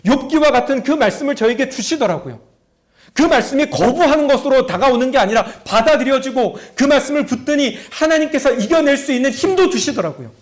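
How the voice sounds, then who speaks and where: With a very high-pitched, animated voice that runs a little fast, a middle-aged male pastor preaches through stories. He acts out prayers loudly and turns to question his congregation directly.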